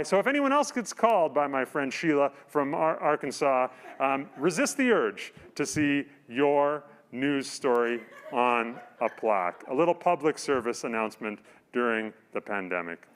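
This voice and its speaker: Upbeat man hosting a live stream. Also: a little high. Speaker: host.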